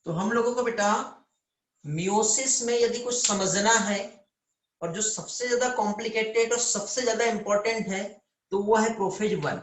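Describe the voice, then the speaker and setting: A man's voice: high-pitched, normal speed, reverberant. A man teaching biology in a live online lecture, calling students "beta" and often checking whether they understand.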